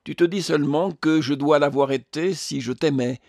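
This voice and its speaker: Man reading a serene heavenly lady, gentle, calmly insistent, dry close sound. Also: a little high, moderate pace, dry recording, natural voice. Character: radiant, serene heavenly lady, joyful and firm.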